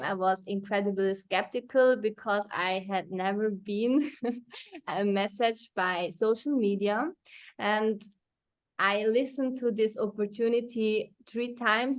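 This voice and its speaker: Slow-speaking young Swiss German woman. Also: mid-range voice. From Switzerland. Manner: halting non-native English. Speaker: speaker sharing her story. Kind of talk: informal testimonial talk.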